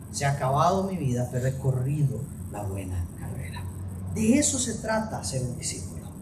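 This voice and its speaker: A preacher delivers a sermon in a lively, animated voice, dropping into soft low asides before rising to stressed, emphatic phrases. The voice reaches the mic from a distance, carrying a roomy church-hall echo, and faint background noise sits underneath. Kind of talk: sermon on a Bible passage.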